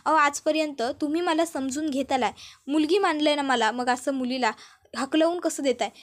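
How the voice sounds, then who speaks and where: A woman's voice: sits high, normal speed, lightly acted. A woman doing a young woman begging forgiveness. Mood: hurt. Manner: begging, repeating please.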